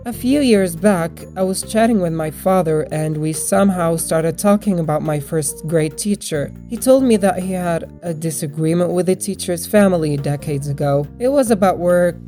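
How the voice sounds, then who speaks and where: A woman's voice: low-pitched, dark tone. A young adult woman narrating a personal story as a storytime video narrator. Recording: music bed behind the voice. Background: background music.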